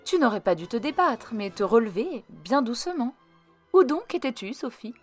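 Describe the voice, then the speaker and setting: A woman's voice: on the high side, sing-song, normal speed, faint music behind, pitched above the performer's own voice. A woman doing a fussing, scolding mother. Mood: reproachful. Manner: exclaiming, reproachful.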